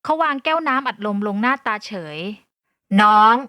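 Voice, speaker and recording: A woman narrates an audio novel in the first person, with a steady, scripted delivery. Her voice is bright and a little high. The recording is dry and close. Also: fast, no echo.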